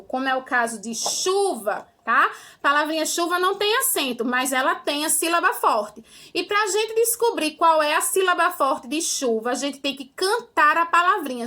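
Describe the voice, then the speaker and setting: A woman's voice: extremely high pitch, sharp tone. A young Brazilian woman teaching a remote primary school lesson, patient and step by step, often checking in with "tá?". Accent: Brazilian Portuguese. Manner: patient, explains step by step, ends phrases with "tá?".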